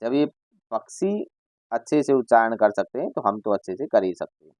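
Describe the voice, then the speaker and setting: A man's voice: medium pitch, animated, normal speed, a little mellow, dry recording. A male Sanskrit teacher explaining a school lesson to children. He reads Sanskrit lines, then explains each one in Hindi, and imitates bird calls as examples.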